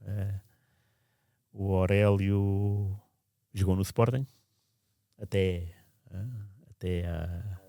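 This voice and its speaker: A man's voice: deep voice, level tone, extremely slow, vocal fry, long pauses, dark tone, no room sound, studio quality. A man who recalls events in a casual, reflective, meandering way, often restarting his sentences. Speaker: podcast storyteller. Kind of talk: casual spoken recollection.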